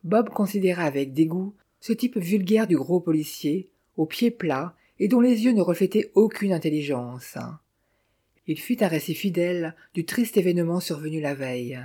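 A narrator reading a detective novel aloud in an even, measured way. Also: medium pitch, breathy edge. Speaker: audiobook narrator.

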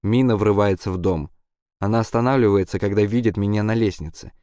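A man reading a novel aloud in the first person, in a steady, subdued way. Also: on the low side, fairly quick, no room sound, clean studio sound. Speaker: audiobook narrator.

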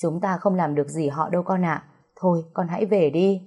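A woman's voice: on the low side, a little fast, dark tone, husky. A woman voicing an older uncle who brushes people off in a curt, guarded way. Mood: dismissive.

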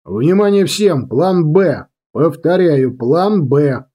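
A man voicing a young woman pilot commander who shouts urgent orders over the radio in an audiobook. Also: a little high, lively intonation, slow pace. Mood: urgent commanding.

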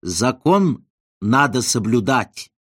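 A brash young male con man, as a man puts him on, barking curt, officious orders. His voice moves in lively rises and falls, recorded dry and close. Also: medium pitch, takes it slowly, slightly rough, no echo, full character voice. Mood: stern, officious.

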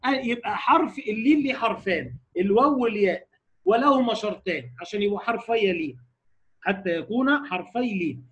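High-voiced Egyptian man teaching tajweed. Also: lively intonation, fairly bright tone, dull audio. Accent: Egyptian Arabic. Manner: slows down to recite verses and quoted lines, asks the class rhetorical questions. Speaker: Quran recitation teacher. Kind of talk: lecture explaining tajweed rules.

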